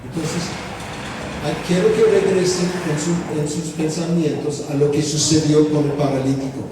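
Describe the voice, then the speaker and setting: A man preaching a sermon as pastor, teaching slowly and deliberately with rhetorical questions. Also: a little high, fairly even intonation, noisy background. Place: church hall. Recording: echoey hall from far off, faint ambience.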